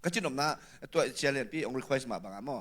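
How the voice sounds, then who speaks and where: Lively bright-voiced man giving feedback. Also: medium pitch, very fast.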